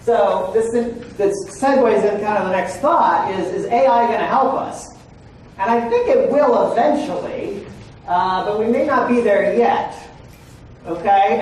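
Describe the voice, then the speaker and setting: Lecturing to an audience in a large, echoey hall, a man presents at a legal training seminar in a conversational way, repeatedly asking "right?" and "okay?". His voice is high-pitched and a little mellow. The recording, made far from the mic, has a little hiss or hum.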